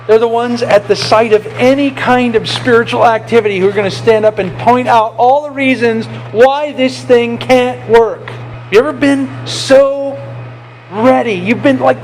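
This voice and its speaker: Give me a man preaching an animated sermon, high-pitched and playful. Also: slight background noise, poor audio. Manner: animated preaching, swings between loud and hushed, playful asides. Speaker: pastor.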